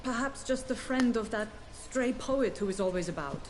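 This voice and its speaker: A woman's voice: fairly high pitch, lively intonation, moderate pace, lightly acted. An actress playing a concerned woman at a clinic in a game, earnest and questioning. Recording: noisy game audio.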